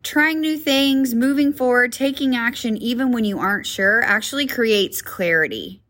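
A woman's voice: a little high, normal speed, fairly bright tone. Chatty encouraging woman podcast host. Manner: chatty, encouraging, with frequent fillers and restarts. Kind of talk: casual motivational podcast talk.

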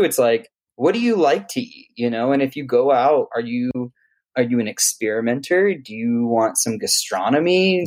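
Easygoing man talking about cooking. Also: medium pitch. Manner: relaxed, rambling, enthusiastic about food. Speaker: private chef. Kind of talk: casual conversation.

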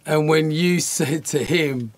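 A man's voice: on the high side, slow pace, very noisy. A man hosting an interview, prompting his guest by recalling shared memories. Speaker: host.

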